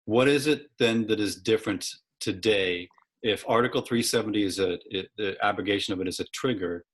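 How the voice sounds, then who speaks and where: A man hosting an interview, asking measured questions and rephrasing them carefully as he goes. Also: fairly low pitch, fairly bright tone, breathy edge.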